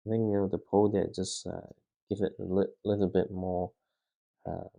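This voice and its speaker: This non-native English-speaking man chats through a relaxed home vlog as he assembles a toy set. His speech is soft and hesitant, full of fillers, and his throat sounds dry. The voice is low and flat, with vocal fry.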